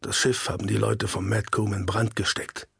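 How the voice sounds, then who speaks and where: A man voicing a stern, commanding nobleman and father who speaks curtly and firmly, in a husky, dry audiobook reading. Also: lowish voice, level tone, normal speed, fairly bright tone, no room sound, exaggerated voice. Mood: calm report. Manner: curt and firm.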